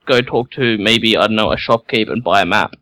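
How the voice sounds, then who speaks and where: A man's voice: on the low side, a little fast, pushed and bright, dry recording. A man playing a tabletop game, joking and rambling with the other players.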